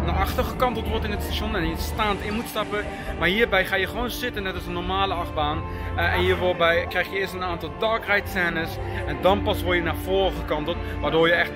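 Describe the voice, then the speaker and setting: Guy vlogging at a theme park, pretty high voice, lots of ums, loud music behind him. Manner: hesitant, explanatory, filler-heavy. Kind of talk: casual vlog commentary.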